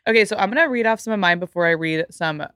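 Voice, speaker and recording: Talking fast with a mid-range, fairly bright voice, a young podcast host moves between casual, emphatic chat full of "like" and a read ad. The sound is clean studio audio with no echo.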